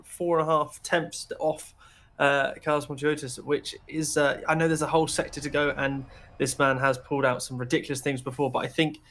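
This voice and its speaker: Chatty color commentator, faint hiss. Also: male voice, fairly high pitch, level tone, a little fast, a bit bright. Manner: chatty, joking analysis. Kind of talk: sim racing commentary.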